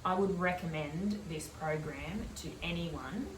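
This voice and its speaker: A woman's voice: deep voice, measured pace, echoey room. Woman, client; bubbly and gushing; distant mic, noisy room. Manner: bubbly, gushing, laughs often. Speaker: program client. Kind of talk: casual interview chat.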